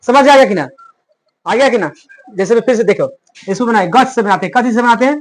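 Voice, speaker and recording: The voice is male, extremely high in pitch and a little fast. He's a Sanskrit tutor giving a grammar lesson in plain, rustic wording, drilling by asking questions he then answers on his own.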